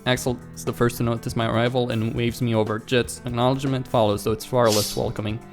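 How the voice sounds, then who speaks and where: A let's play host reads a visual novel aloud quickly and flatly in a medium-pitched voice, acting out the dialogue. His informal comments include mild swearing, and the game's music runs behind him.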